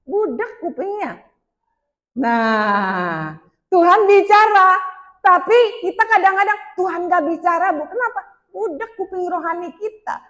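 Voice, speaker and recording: A woman with a high voice gives an emotional testimony from the pulpit, turning often to the congregation as she tells her story. Her voice rings out through a reverberant church hall. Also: moderate pace, fairly bright tone. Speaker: preacher giving testimony. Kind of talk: sermon testimony.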